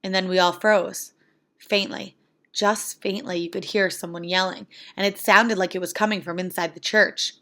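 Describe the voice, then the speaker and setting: A woman reads a novel aloud, narrating in an even, plain manner. Her delivery is steady, with nothing dramatic added to the telling. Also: fairly low pitch, brisk, hardly any pauses. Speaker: reader.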